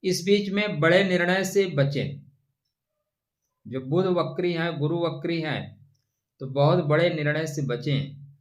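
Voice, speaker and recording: A man giving an astrology forecast, advising listeners in a measured way and calling them friend. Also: a little high. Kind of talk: horoscope talk to camera.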